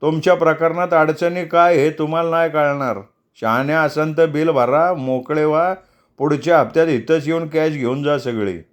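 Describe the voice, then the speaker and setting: A man's voice: fairly high pitch, fairly even intonation, normal speed, voice pushed up, lightly acted. A man voicing a pushy, greedy middle-aged fixer, bullying and scornful. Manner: bullying, scornful, self-important.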